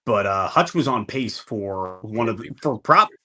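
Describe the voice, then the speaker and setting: Man, host of a sports chat show; lively, swooping delivery, excitable and full of asides. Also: fairly low pitch, a little slow, slightly rough. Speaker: podcast host. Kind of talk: casual sports roundtable chat.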